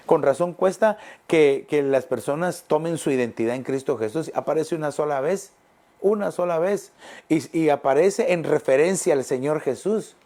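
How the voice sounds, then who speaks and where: A middle-aged male pastor preaching a sermon, emphatic, repeating phrases and slowing down on key words. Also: a little high, warm tone.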